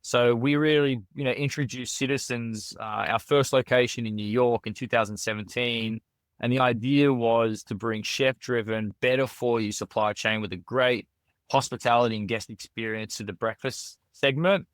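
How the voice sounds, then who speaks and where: An Australian man speaks as a guest in a casual podcast interview, with an earnest, searching way of talking full of fillers and restarts. His voice sits at an ordinary middle pitch. The sound is dry and close, with no room around it. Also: steady tone, normal speed, no echo. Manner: earnest, with frequent fillers and repeated words.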